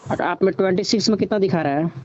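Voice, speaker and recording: A man with a notably high voice comes through a dull, lo-fi phone line, faint hiss underneath. He walks the listener through scripture references and keeps asking if he is understood and heard. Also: rapid-fire, a little mellow. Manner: repeatedly checks understanding, asks if he is heard. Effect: voice heard over a phone line. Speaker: religious teacher citing scripture. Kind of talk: phone lesson guiding the listener through verses.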